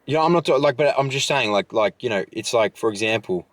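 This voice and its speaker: A man's voice: medium pitch, expressive, fast, no room sound. A young man hosting a solo podcast, talking in a fired-up, rambling way full of fillers and restarts. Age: young adult. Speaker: podcast host.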